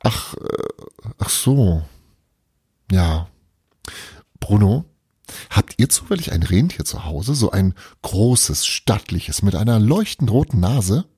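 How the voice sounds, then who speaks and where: A man's voice: on the low side, very animated, takes it slowly, pauses often, dark tone, husky, no echo, clean studio sound, heavily acted. Man doing a playful Christmas witch mother. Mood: teasing. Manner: dramatic, playful, Italian words mixed in. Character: theatrical witch mother with an Italian flair.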